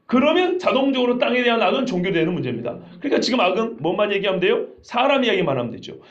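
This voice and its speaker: A man's voice: very high-pitched, highs cut off. A male pastor preaching a sermon in a conversational way, often asking the congregation questions.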